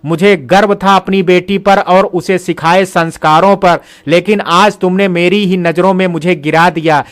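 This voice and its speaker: A man's voice: sits high, steady tone, moderate pace, a bit bright. A man voicing a tearful, loving middle-aged mother who pleads emotionally in an audio story. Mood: hurt, pleading.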